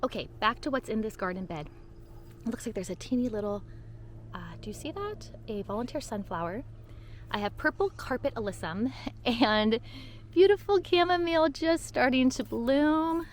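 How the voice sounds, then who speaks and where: A woman's voice: a little high, animated, moderate pace, slight background noise. A woman giving a casual walk-and-talk tour of her vegetable garden, chatty and bubbly, laughing at her own slips, recorded outdoors on a camera she carries.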